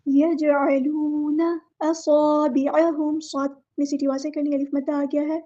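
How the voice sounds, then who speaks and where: A woman teaching a word-by-word tajweed lesson, explaining each letter patiently and then reciting the words slowly. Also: high-pitched, level tone, dark tone, lo-fi sound.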